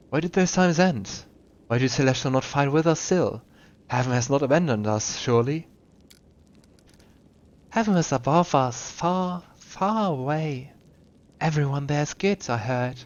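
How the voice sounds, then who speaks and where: A man reading as a rambling old custodian. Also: on the high side. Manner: rambling, wandering questions. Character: old, confused male museum custodian, rambling. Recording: slightly dull lo-fi recording. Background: faint game music.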